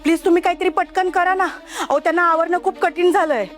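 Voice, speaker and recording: An actress playing a flustered police constable who pleads urgently. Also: female voice, extremely high pitch, steady tone, fast talker, over music.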